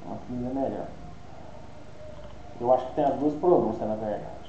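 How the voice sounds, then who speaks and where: A man's voice: mid-range voice, normal speed, warm tone. A man with a Brazilian accent teaching an online English class, explaining pronunciation and checking in with tag questions. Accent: Brazilian Portuguese. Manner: explanatory, thinking aloud with many tag questions. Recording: roomy, dull lo-fi sound with faint hiss.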